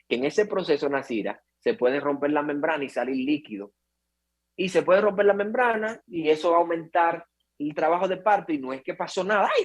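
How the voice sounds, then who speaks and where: A lively man, speaking in a fairly high voice. He explains labor to an interviewer as a doctor would, and he breaks into quick impressions of worried relatives and patients. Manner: animated, acts out patients and relatives. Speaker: obstetrician guest.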